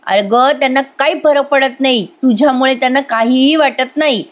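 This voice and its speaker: A woman's voice: sits high, normal speed, pitched above the performer's own voice, close to an everyday voice. A woman voicing a stubborn young husband who refuses firmly and complains about his family. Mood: resentful. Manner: firm, complaining.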